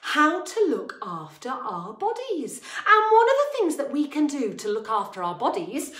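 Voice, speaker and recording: A woman in her thirties presenting a drama class to young children in an exaggerated, overbright kids party host manner, theatrical and expressive. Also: high voice, normal speed. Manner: theatrical, expressive, acting out emotions. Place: attic-style studio room, indoors. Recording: roomy echo, music at times.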